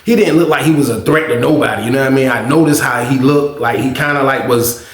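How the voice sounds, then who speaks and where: A man spinning a long, rambling story for his viewers, filling his sentences with little checks on whether they follow. His voice sits at an ordinary pitch. The room adds a noticeable echo. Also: fast, a crowd in the background. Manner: rambling, frequent filler phrases. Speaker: vlogger. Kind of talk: casual storytelling.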